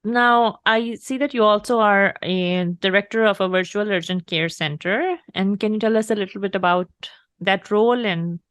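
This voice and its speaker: A woman's voice: medium pitch, normal speed, fairly bright tone, clean tone, dry recording, studio quality. A woman hosting a podcast as a career coach, asking questions in an upbeat, encouraging way. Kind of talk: conversational interview.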